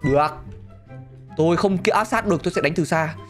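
A man giving excitable gameplay commentary, laughing often and talking straight to his viewers. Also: on the high side, fairly quick, music in the background. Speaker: gaming channel host.

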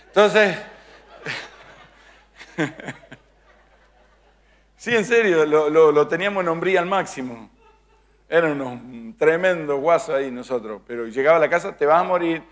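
A man's voice: a little high, unhurried, long pauses. A middle-aged male pastor with a Rioplatense accent, preaching a sermon in a jokey storytelling way and acting out little scenes. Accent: Rioplatense Spanish.

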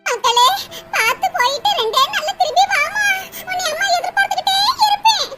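A squeaky doting cartoon mom. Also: female voice, animated, a little fast, full character voice. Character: doting sentimental cartoon mother. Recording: loud background noise.

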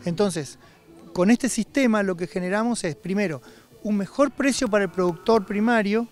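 A man's voice: high-pitched, moderate pace, soft background music. A middle-aged man giving interview remarks as a livestock producers' representative, recorded outdoors on a handheld microphone. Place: outdoors by cattle pens. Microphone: handheld reporter microphone.

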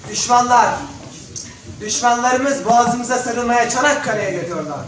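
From a distance in a heavily echoing hall, a resolute village husband played by a male actor speaks on stage. His high voice is earnest and tender, with a measured declamatory delivery. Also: fairly bright tone. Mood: earnest farewell. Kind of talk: patriotic stage drama. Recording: very echoey noisy hall from far off.

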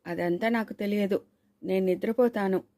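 A woman's voice: mid-range voice, steady tone, normal speed, mellow, no room sound, studio quality, natural voice. A woman reading the lines of a carefree, fearless young village man who talks bluntly and easily in a storybook thriller. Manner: blunt, easygoing.

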